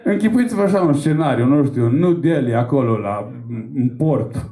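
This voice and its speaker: A man's voice: medium pitch, lively intonation, warm tone, echoey room. A man from Romania doing a stand-up set, telling crude, rambling and profane stories on a comedy club stage.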